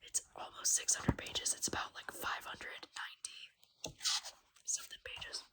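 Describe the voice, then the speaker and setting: A woman in her late twenties hosting ASMR, chatting casually in a breathy whisper and softly repeating some phrases. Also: measured pace. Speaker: ASMR video host.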